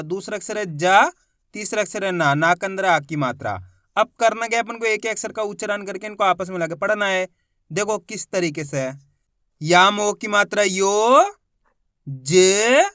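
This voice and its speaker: A man teaching children to read, saying each word twice, slowly and clearly, then explaining quickly between the word lists. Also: sits high, pushed and bright, no echo, studio quality. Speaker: Hindi reading teacher. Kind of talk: slow word-by-word reading lesson.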